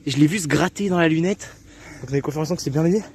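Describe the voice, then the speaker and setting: A young man, a hunter filming his outing, talking in a slangy, excitable, chatty way while out in open fields. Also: fairly high pitch, very fast. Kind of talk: casual outdoor vlog commentary. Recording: loud outdoor noise on a camera mic.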